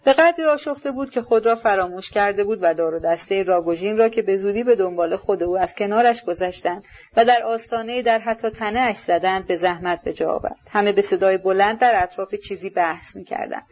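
A woman's voice: mid-range voice, darkish tone. Woman narrating an audiobook, muffled sound.

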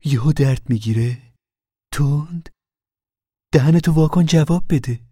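A man voicing a bossy, excitable middle-aged farm wife who acts as a midwife, speaking loudly, commanding and coaxing. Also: on the high side, dry recording, studio quality, voice pushed up, natural voice.

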